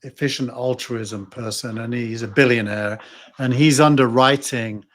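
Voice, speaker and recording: A man's voice: medium pitch, steady tone, measured pace. Hesitant man in casual debate. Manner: hesitant, many fillers and restarts. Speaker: podcast co-host.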